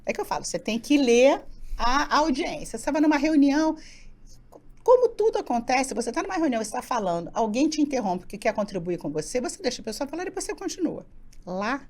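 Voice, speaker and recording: A fairly high, very lively woman's voice, middle-aged and quick. She tells career stories as an interview guest and keeps slipping into the voices of people she quotes. Her delivery is animated and conversational. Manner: animated, acts out quoted dialogue. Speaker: guest, executive coach. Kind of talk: casual interview storytelling.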